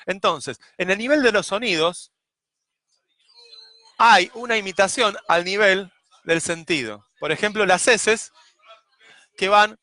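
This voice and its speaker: A man gives a poetry lesson in a measured, explanatory way. He now and then beats out rhythms in sung syllables. His voice sits a little high, bright and forward, recorded dry and close. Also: no room sound. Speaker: poetry teacher.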